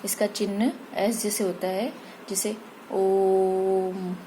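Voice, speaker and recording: A woman teaching Hindi grammar, patiently explaining vowels and spelling out each example slowly. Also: medium pitch, mellow, a little hiss or hum, low-quality recording. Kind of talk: slow explanatory lesson.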